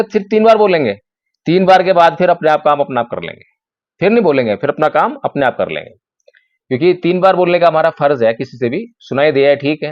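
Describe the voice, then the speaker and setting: A man's voice: fairly high pitch, dry recording, muffled recording. A man giving a Buddhist dharma talk to a gathering, repeating phrases and asking his listeners rhetorical questions. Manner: asks the audience rhetorical questions. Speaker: Buddhist speaker.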